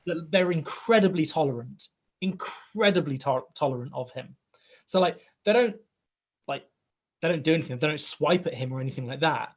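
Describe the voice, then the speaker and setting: A man in his thirties co-hosting a casual podcast, telling a rambling, animated story full of "like" and "right?" and acting out bits of dialogue. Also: fairly high pitch, moderate pace. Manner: acts out quoted dialogue in the story. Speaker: podcast co-host, father of a young boy. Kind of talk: casual chat.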